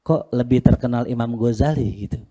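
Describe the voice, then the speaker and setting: Man, religious teacher, casual lesson, teasing, mellow voice. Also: medium pitch, a little fast, husky. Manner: casual, jokey, teasing his students. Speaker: Islamic teacher.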